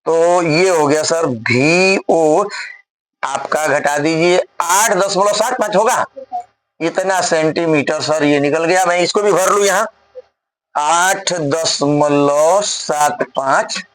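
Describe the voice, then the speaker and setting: A man's voice: a little high, slow pace, a bit bright, no room sound, rough recording. A male physics teacher solving a problem on the board step by step in a classroom lecture, often checking whether his students follow.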